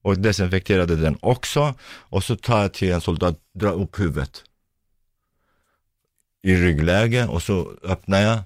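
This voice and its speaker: A man's voice: low voice, long pauses, dry recording, clean studio sound. A man, a physiotherapist, vividly recounting a tense experience as a guest, acting out what people said. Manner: vivid, intense retelling, acts out dialogue. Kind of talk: personal storytelling in a podcast.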